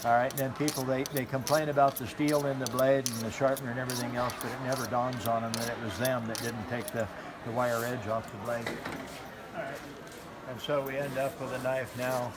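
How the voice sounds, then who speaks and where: A man's voice: medium pitch, little pitch movement, brisk. A middle-aged man giving a casual, folksy live hands-on demonstration, explaining plainly and repeating himself for emphasis. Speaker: knife sharpening demonstrator. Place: large expo hall with concrete floor. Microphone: handheld camera a step or two away. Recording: noisy hall, handheld camera mic. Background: clear background noise of an expo hall.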